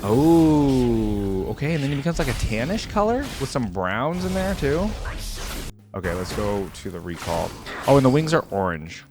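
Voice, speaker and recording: With music in the background, a man hosts a video and gives casual, off-the-cuff reactions, thinking aloud in an informal, exclamatory way. His mid-range voice has a sing-song quality at normal speed.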